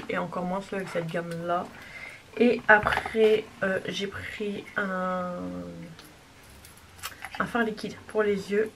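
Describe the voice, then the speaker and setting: Woman rambling happily about her makeup buys, whispers sometimes, noisy room. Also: mid-range voice. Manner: chatty and gushing, drops into soft whispers. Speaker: beauty vlogger. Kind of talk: casual makeup haul chat. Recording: distant mic with clear background noise.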